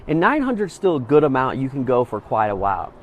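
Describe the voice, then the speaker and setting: A man speaking to an audience, telling a personal story and then urging listeners on, swinging between hushed and emphatic. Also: mid-range voice, wildly swooping pitch, fast, phone-quality sound, slight background noise. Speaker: motivational speaker. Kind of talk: inspirational talk to an audience.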